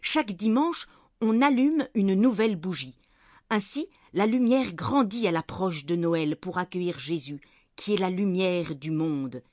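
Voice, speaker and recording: A woman reads a children's Christmas story aloud in a clear, gentle, measured voice. Her pitch sits on the lower side for a woman. The recording is dry and close, with no room sound. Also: expressive, dry recording. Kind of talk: storybook narration read aloud.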